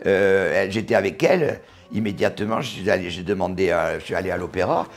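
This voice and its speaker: A man in his eighties with a southern French accent from Montauban, reminiscing in an interview, often halting and repeating words as he recalls. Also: deep voice, creaky, soft background music. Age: 80s. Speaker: interviewee, retired dancer.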